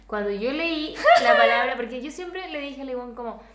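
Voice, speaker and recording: A young woman with a Chilean accent, co-hosting a podcast in relaxed storytelling banter. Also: sits high, moderate pace, heavy background noise. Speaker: podcast co-host. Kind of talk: casual chat. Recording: roomy echo.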